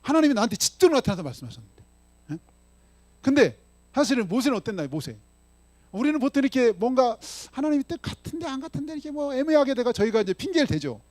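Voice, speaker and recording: A male pastor preaching in a chatty way. He acts out dialogue and leads slow unison scripture readings. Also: very high voice, very animated, darkish tone, dry recording. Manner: often ends phrases with a questioning "응?" or "예?". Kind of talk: sermon.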